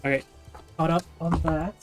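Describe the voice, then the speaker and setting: A man's voice: fairly high pitch, steady tone, moderate pace, faint music behind. A man live-streaming in casual chat, upbeat and chatty, thanking viewers by name.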